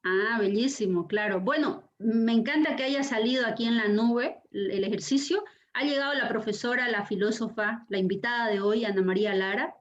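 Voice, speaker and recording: A woman lecturer hosting an online class, speaking expressively and slowing down to stress her words. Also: fairly high pitch. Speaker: university lecturer and session host. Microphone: video call microphone. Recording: dull lo-fi video call audio.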